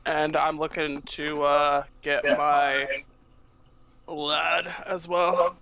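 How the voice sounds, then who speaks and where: A man's voice: a little high, flat delivery, drawn-out words, bright, forceful tone, slight background noise. A man playing a tabletop game over voice chat, playful and jokey.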